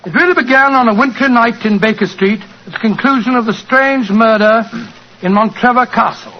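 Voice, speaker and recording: An actor playing a genial, gentlemanly English doctor and storyteller with a British accent, in 1940s radio style. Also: male voice, extremely high pitch, brisk. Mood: genial, reminiscing. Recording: muffled 1940s radio recording.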